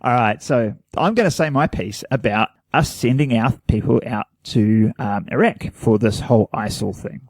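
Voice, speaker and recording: A man's voice: medium pitch, normal speed, few pauses, no room sound. Earnest rambling New Zealand podcast man. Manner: earnest, rambling, self-deprecating. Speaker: podcast co-host. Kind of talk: casual chat.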